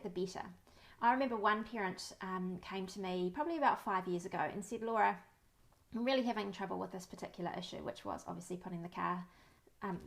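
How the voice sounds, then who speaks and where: A woman, a parenting educator giving calm, friendly advice to camera with personal stories. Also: mid-range voice. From New Zealand. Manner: friendly, anecdotal, calm and reassuring.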